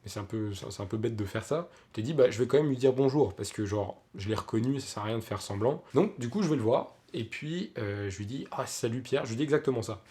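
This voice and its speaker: A man's voice: medium pitch, animated, fast talker, few pauses, dark tone. A young man, telling a story in a casual vlog, chatty, with many fillers and restarts. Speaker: vlogger.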